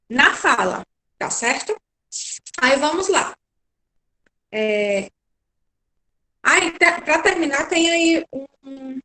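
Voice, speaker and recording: A woman's voice: sits high, pushed and bright. A woman teacher giving an online class over a video call, explaining step by step with frequent check-ins and hesitations. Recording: echoey room.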